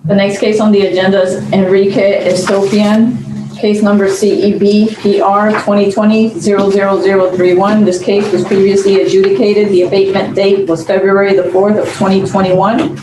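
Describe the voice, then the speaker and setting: A woman acting as hearing clerk, formally reading out case details and procedure in a brisk manner. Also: mid-range voice, level tone. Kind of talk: formal case announcements and oath. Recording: echoey room, clear background noise.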